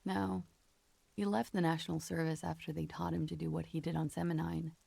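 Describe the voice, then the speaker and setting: A woman voicing a calm, guarded, world-weary young woman in a video game. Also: low voice, fairly quick, gravelly, husky, no echo, exaggerated voice. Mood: wistful. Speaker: game character.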